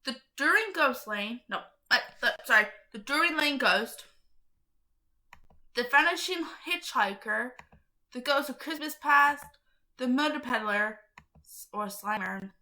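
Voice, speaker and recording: Giggly woman vlogger reading stuff out to her viewers, high voice, takes it slow, keeps getting sidetracked. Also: expressive, sharp tone. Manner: giggly, easily sidetracked, chatty. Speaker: channel host. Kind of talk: casual chat, reading aloud to viewers.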